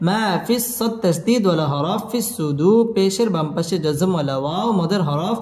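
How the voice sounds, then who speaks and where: A man teaching Quran recitation. He spells out letters and vowel marks one by one, explains the reading rules, then chants each verse slowly with long drawn-out notes. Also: high voice, lively intonation, a little mellow, roomy sound, in a large hall.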